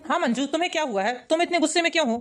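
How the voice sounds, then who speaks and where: Cartoon young husband, high and fast, pushover, woman voicing him. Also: close to an everyday voice. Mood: puzzled. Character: young husband, easily swayed. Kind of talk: Hindi cartoon family drama.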